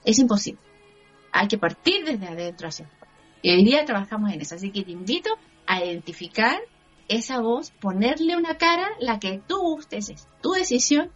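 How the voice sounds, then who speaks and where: A woman's voice: fairly high pitch, expressive, moderate pace, muffled recording, soft background music. Encouraging Chilean coach woman. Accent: Chilean Spanish. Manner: earnest, encouraging, asks listeners for agreement. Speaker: personal growth coach. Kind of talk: motivational talk show chat.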